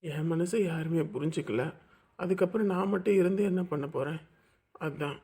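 A young man playing a lovesick son who is weak from fasting and speaks in a subdued, low way. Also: warm tone, slightly rough. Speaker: grown son.

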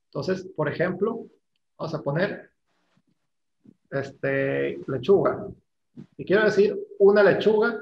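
Male teacher, fairly high gravelly voice, casual and teasing, echoey lo-fi room recording. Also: slow pace, long pauses. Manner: casual, teasing, explains step by step. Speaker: English teacher. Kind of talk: online class lecture. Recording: echoey room, dull lo-fi sound, faint noise.

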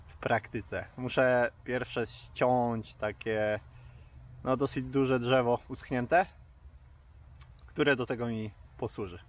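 A man talking casually to the camera as a vlogger, halting and pausing mid-sentence. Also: mid-range voice. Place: outdoors at a lakeside campsite. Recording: faint wind and outdoor noise.

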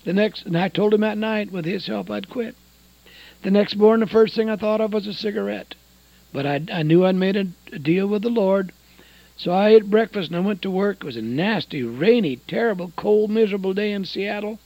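A man's voice: sits high, fairly quick, creaky, a little mellow, no echo. Earnest pleading radio evangelist, a man. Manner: earnest pleading preacher, urging listeners. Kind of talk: radio sermon with testimony. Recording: dull lo-fi radio broadcast.

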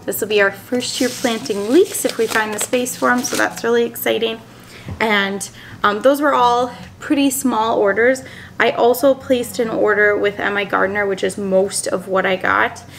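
A woman's voice: a little high, steady tone, normal speed, vocal fry, a bit bright, a little hiss or hum. A woman in her thirties from Minnesota, chatting casually to camera in a dining room and showing seed packets, upbeat with frequent ums. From Minnesota, USA. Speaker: homesteading vlogger. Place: small indoor dining room at a wooden table.

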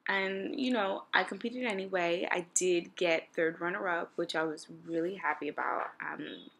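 Casual vlog host: young woman, bright and gravelly, conversational, thinks out loud. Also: on the low side, normal speed. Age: young adult. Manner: informal, conversational, thinking aloud. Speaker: vlogger and pageant contestant. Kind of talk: casual chat answering viewer questions to camera. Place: small indoor room at home with brick wall.

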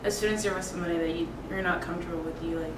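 A woman's voice: fairly low pitch, steady tone. A nineteen-year-old woman answering interview questions on a couch, hesitant and full of "like". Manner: halting, heavy on "like". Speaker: interviewee, college cheerleader. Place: living room, seated on a couch. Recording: roomy, distant mic, noisy.

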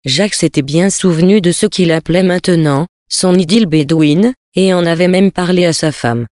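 A reader narrating a literary tale with measured, expressive phrasing. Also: medium pitch, dry recording, clean studio sound.

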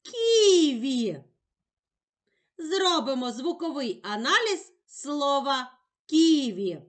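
A woman teacher giving a slow, clearly spoken lesson for young children, drawing out the words and sounds she stresses. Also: high-pitched, sing-song, fairly bright tone. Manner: drawn-out, sing-song emphasis on words and sounds.

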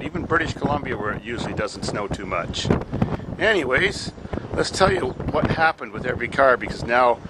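A man's voice: medium pitch, background noise. A man from Canada, talking casually and jokily while walking around his farm, recorded on a handheld camera mic. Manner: rambling, jokey, deadpan. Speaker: vlogger. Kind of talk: casual vlog walkthrough. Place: outdoors on a farm.

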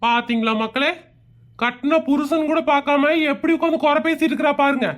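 A woman's voice: high-pitched, steady tone, fairly quick, natural voice. A woman voicing an aggrieved husband who complains straight to the audience in a comedy cartoon. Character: grumbling husband, adult man, aggrieved complainer.

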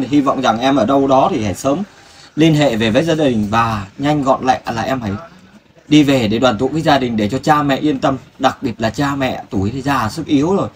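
A male interviewer with a mid-range voice speaks gently and compassionately. He asks questions and makes earnest appeals to viewers. Faint noise sits in the background. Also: medium pitch. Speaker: interviewer for a volunteer search team.

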